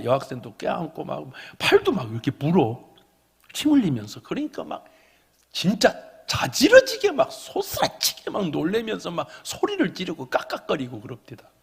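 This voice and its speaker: A middle-aged male pastor preaching a sermon, telling a story and swinging from soft whispers to loud exhortation. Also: fairly high pitch, vocal fry, husky. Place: church sanctuary. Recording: long reverb of a church hall.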